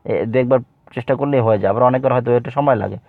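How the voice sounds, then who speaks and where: A man's voice: very fast, creaky, dry recording. Tinny-sounding man teaching a lesson. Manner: chants syllable drills in a higher sing-song voice. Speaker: Quran reading teacher. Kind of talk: online lesson. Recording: tinny phone-like line.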